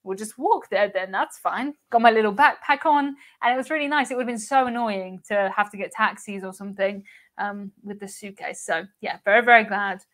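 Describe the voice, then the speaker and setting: Brisk and a bit bright, with medium pitch and a steady tone, the young British woman behind a cruise channel talks her way through a live stream. She laughs frequently, repeats words, and reads comments from viewers.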